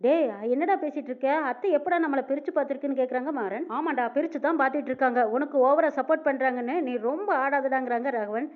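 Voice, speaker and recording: Brisk, high woman storyteller; tinny phone-like recording, rattles through dialogue. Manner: narrates quickly, reads out each character's lines with tags like "she says". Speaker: narrator retelling a TV serial episode. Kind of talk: fast storytelling recap voicing all characters.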